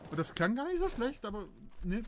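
A man's voice: very high-pitched, big pitch swings, brisk, slight background noise. A young man from Berlin giving rambling, crude, casual commentary while playing a shooter game. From Berlin, Germany. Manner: rambling, crude, self-justifying chatter. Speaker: let's play commentator.

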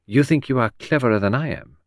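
A man's voice: medium pitch, quick pace, dry recording, studio quality, voice pushed up, lightly acted. A man voicing a composed young woman under suspicion, cool and lightly mocking, in an audiobook. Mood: defiant. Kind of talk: audiobook character voice.

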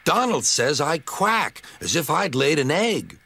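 A man's voice: a little high, big pitch swings, measured pace, sharp tone, slightly rough, voice pushed up, heavily acted. A man voicing an earnest, proud, hardworking male steam engine in a storybook reading. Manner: eager and earnest.

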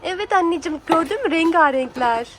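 A doting mother chats casually with her small child, full of prompting questions, her very high-pitched voice animated and brisk. The background is clearly noisy.

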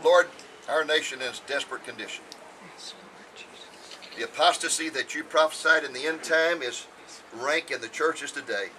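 A man's voice: a little high, moderate pace, pauses often, bright, forceful tone, recorded from a distance, a little hiss or hum, low-quality recording. A man reading a sermon aloud with earnest, emphatic oratory, outdoors on a hilltop. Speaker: preacher.

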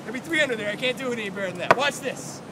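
A man's voice: very high voice, expressive, very fast. A young man performing playful, joking street-magic patter to a crowd, in the manner of a kids party magician. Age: young adult. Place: city sidewalk, outdoors. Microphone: handheld camera a few feet away. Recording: busy outdoor street with crowd and traffic.

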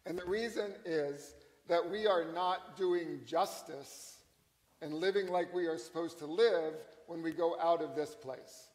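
A male pastor preaching a sermon in a conversational, emphatic way, slowing down on key lines. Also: a little high, a little mellow, in a large hall, low-quality recording.

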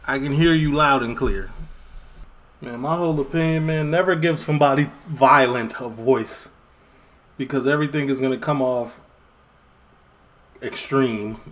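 A man from Chicago reacting casually to a video, talking back at it in an animated way. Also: medium pitch, moderate pace, long pauses. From Chicago, USA. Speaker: reaction streamer.

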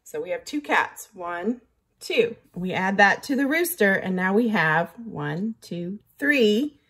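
Slow, husky-voiced woman reading a picture book. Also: medium pitch, lively intonation, a bit bright. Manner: patient, pausing to count along. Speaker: teacher reading aloud.

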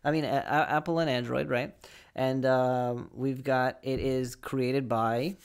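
A young man with a smooth, medium-pitched voice and steady tone speaks unhurriedly. He walks through a conversational, step-by-step tech tutorial, explaining and often checking in with the listener. He records on a close desk mic in a small home studio lined with acoustic foam.

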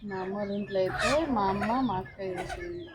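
A woman's voice: mid-range voice, level tone, fast, a crowd in the background. A woman giving brief, mumbled answers in a casual chat outdoors.

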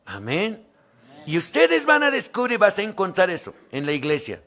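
A man with a Bolivian Spanish accent preaching a sermon. He swings from loud, fervent calls to low, quiet asides and acts out the voices of the people he quotes. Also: wildly swooping pitch, normal speed.

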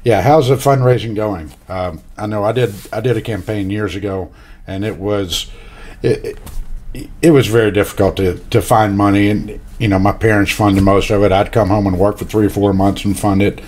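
A middle-aged man, hosting an interview over a video call and wearing a headset, speaking in a relaxed, rambling way. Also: on the low side, moderate pace. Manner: relaxed, rambling, many uhs. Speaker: podcast host. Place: home room, indoors.

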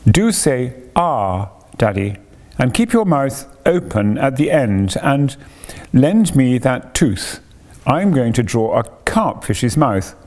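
A man reading aloud and voicing an eager, bright little cave girl who pleads earnestly and bubbles with excitement. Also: medium pitch, slow pace.

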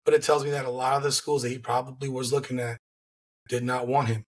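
Casting: male podcast host, thirties, hoarse and husky, lower-toned everyday register, opinionated sports rant delivered conversationally. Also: little pitch movement, quick pace. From South Florida. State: hoarse voice from flu. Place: furnished home room, indoors. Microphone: large desk microphone close to the mouth.

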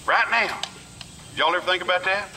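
A man's voice: sits high, a little fast, sharp tone, slight background noise, low-quality recording. A middle-aged man preaching an outdoor sermon through a handheld megaphone to children, in a fiery call-and-response manner. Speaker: street preacher. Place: outdoors on a parking lot with children.

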